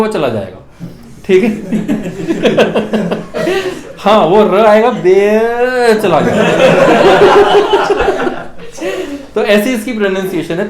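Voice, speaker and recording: A man's voice: high-pitched, reverberant. A man teaching an English grammar lesson in a classroom, telling jokey stories and asking students to repeat after him. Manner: animated, jokey storytelling with student call-and-response.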